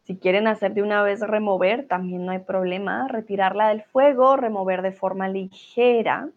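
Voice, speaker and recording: A woman's voice: mid-range voice, fairly even intonation, moderate pace, narrow, tinny audio. A woman teaching a live online grammar lesson, patiently reading out student comments and correcting them. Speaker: Spanish teacher.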